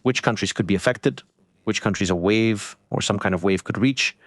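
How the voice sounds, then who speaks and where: A man hosts a live breaking news stream in a fairly low voice. He explains as he goes and restates points for emphasis. The sound is dry, with very little room in it. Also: moderate pace, no room sound.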